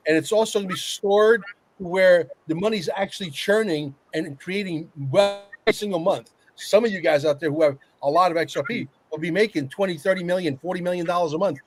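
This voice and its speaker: A man's voice: high-pitched, fairly quick, low-quality recording. A man in a panel discussion, speaking emphatically and bluntly in an opinionated way, repeating himself for force. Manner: emphatic, repetitive, coarse-tongued. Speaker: roundtable panelist.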